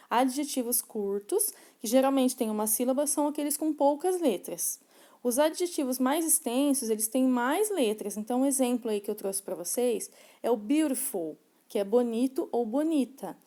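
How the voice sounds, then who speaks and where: A woman teaching English grammar to learners, patiently explaining, checking in with short tags and slowing down to read example sentences. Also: a little high, lively intonation, dark tone.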